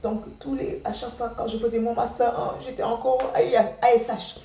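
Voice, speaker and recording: Fast-talking Senegalese woman in her forties. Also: fairly high pitch, level tone, vocal fry, warm tone, far from the mic. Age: 40s. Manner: talks very fast, repeats words, many "voilà" fillers. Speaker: care assistant sharing her study path. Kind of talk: casual spoken testimony to students. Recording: roomy sound, from off the mic.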